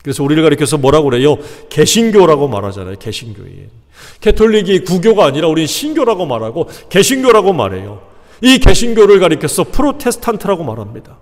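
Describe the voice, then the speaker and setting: A male pastor preaching a sermon, animated, asking the congregation rhetorical questions and acting out quoted lines. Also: on the high side, a little fast. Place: church sanctuary. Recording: long church reverb.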